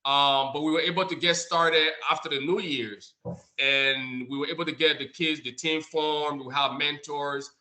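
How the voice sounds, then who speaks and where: Bright-toned man, halting and repetitive. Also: a little high, fairly even intonation. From Liberia. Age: adult. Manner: halting, often repeats words while searching. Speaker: nonprofit co-founder and director. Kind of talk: speaking on an online community call. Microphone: video call.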